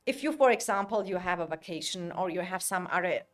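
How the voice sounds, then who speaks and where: A woman's voice: fairly low pitch, lively intonation, brisk. A woman who is not a native English speaker, chatting casually as a livestream host, searching for words as if translating in her head. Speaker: livestream host and alliance member. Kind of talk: casual livestream chat about a strategy game.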